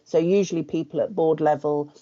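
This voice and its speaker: A woman presenting her organisation's work on a video call, brisk and with frequent ums. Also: sits low, fairly even intonation, dark tone. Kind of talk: webinar presentation. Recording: muffled video call audio.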